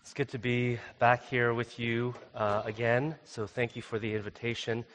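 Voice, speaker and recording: A man's voice: mid-range voice, little pitch movement, moderate pace, a bit bright, a little hiss or hum. A young man preaching as a guest, telling a personal story casually with many fillers and growing animation. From Canada. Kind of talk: storytelling sermon. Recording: long reverb of a church hall.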